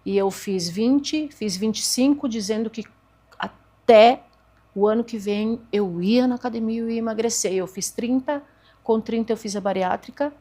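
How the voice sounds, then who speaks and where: Speaking at a normal speed in a mellow, rather high voice, a therapist and speaker in her forties shares her personal story as a podcast guest. She tells it earnestly and acts out conversations from her past.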